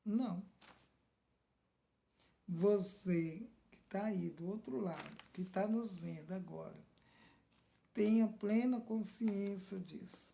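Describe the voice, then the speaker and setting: A woman's voice: medium pitch, creaky, mellow. A woman with a Brazilian accent preaching a sermon, often checking in with the listener with "amen?" and "right?". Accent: Brazilian Portuguese. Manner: slow, questioning, asks "Amém?" and "né?" often.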